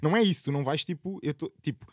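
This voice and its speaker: A man's voice: fairly high pitch, very fast, no room sound, studio quality. A young man chats casually in a slangy, sweary, rambling way. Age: young adult. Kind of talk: casual chat.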